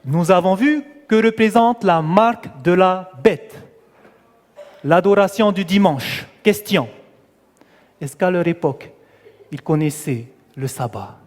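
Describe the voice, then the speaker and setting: A man's voice: high-pitched, animated, slow pace, a little mellow, big-room sound. A man preaching a sermon, putting questions to his listeners and stressing key words as he answers them. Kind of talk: sermon teaching.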